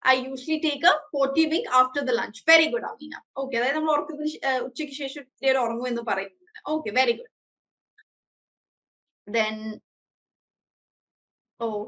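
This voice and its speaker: Over a video call, a woman with a Malayali accent teaches an English class, moving between English and Malayalam and frequently praising her students. Her voice is on the high side, pushed and bright, and the audio quality is poor.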